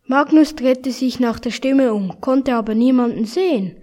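A woman reading a children's story aloud in a gentle, expressive manner. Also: high-pitched, moderate pace. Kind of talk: scripted storybook narration.

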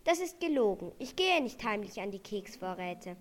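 A woman's voice: medium pitch, big pitch swings, normal speed, natural voice. A woman voicing a whiny, cookie-greedy male reindeer in a storybook reading, sulky and pleading. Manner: whining, sulky.

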